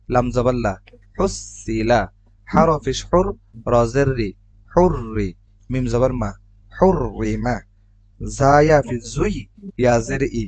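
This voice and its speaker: A man teaching Quran reading, spelling out letters and vowel marks one by one and then blending the syllables slowly. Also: medium pitch, no room sound. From Bangladesh. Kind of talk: step-by-step recitation lesson.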